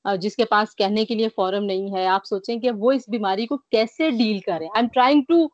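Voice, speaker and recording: Over dry, dull, lo-fi call audio with no echo, a Pakistani woman interviewed remotely describes her covid illness with earnest sincerity as she recovers. She talks at normal speed in a medium-pitched voice. Fatigue shows, along with slight breathlessness and a mild cough.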